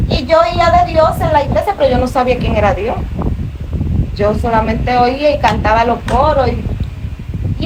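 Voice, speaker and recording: A middle-aged Dominican woman, a minister, shares her faith testimony in an interview, her Dominican Spanish accent clear and her earnest emotion building. Her voice sits high. The mic is distant and the room is noisy.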